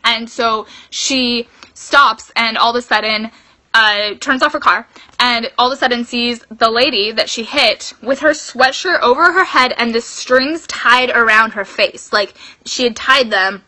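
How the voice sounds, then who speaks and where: A young woman tells a story in a casual, chatty vlog style, scattering "like" through her sentences. Her voice sits a little high and sounds bright and forward. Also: unhurried. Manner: chatty, fills with "like". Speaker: vlogger.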